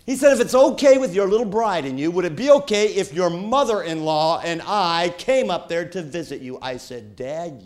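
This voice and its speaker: A middle-aged man with a slightly high voice preaches a sermon built around a personal story. His folksy delivery swings dramatically between shouting and hushed tones.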